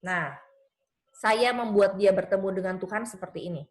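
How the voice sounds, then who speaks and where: A woman pastor giving a conversational seminar talk, telling lively stories and jumping up in pitch whenever she quotes someone. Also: moderate pace. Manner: lively storytelling that leaps high in pitch when quoting others; conversational, with frequent tag phrases. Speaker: pastor and speaker on children's faith.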